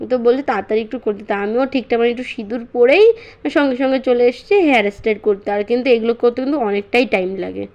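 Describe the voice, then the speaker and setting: A woman's voice: a little high, rapid-fire, darkish tone, dull audio, a little hiss or hum. A young woman, a mother chatting casually to her vlog viewers at home with lots of fillers. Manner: chatty, many fillers, baby talk to her child.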